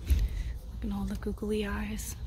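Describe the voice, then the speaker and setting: A woman in her thirties in a whispered role-play, softly pointing out items while walking store aisles with a handheld phone. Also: mid-range voice, monotone, slow pace, a little hiss or hum. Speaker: vlogger. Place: indoor retail store aisles.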